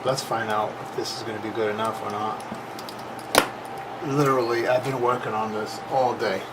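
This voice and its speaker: A man with a lowish voice and fairly even intonation talks at a moderate pace while giving an unscripted, hands-on repair demonstration. He's plain-spoken and thinks aloud as he works, captured on a noisy camera recording with loud background noise.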